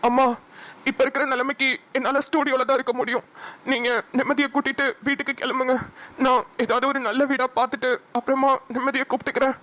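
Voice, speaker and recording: A woman's voice: high-pitched, level tone, fast, fairly bright tone. A woman voicing a remorseful grown son who pleads emotionally with his mother in a homemade cartoon. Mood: pleading. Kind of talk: cartoon voice acting.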